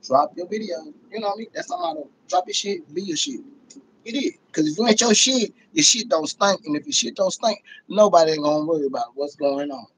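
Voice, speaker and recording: A middle-aged American man speaks fairly quickly in a high, expressive voice during a casual livestream rant to viewers. Recorded on a phone or webcam at arm's length in a room at home, the audio is poor with slight background noise, and he's blunt, profane and repeats himself emphatically.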